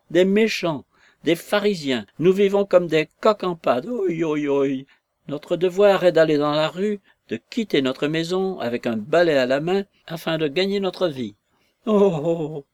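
A man's voice: on the high side, measured pace, a little mellow, no room sound, voice pushed up, close to an everyday voice. A man doing a sobbing old husband. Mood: sobbing lament. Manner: sobbing, wailing. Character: weepy pious old husband, lamenting.

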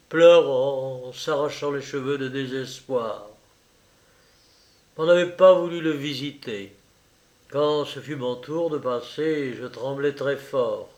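A man narrating a literary story in a measured audiobook reading. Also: mid-range voice. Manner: slow, measured.

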